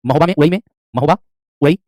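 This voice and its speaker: A man's voice: a little high, fast, a little mellow, dry recording, clean studio sound. A man teaching Hindi dialects in an online class, repeating points and quizzing his students. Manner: repetitive, quizzing, calls students "my friend".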